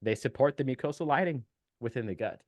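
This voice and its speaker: A man talking as a nutrition expert in a relaxed podcast chat. His voice sits at an ordinary middle pitch, and the recording is dry and close. He explains technical details steadily, with many small fillers along the way. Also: fast talker, no echo. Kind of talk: casual podcast interview.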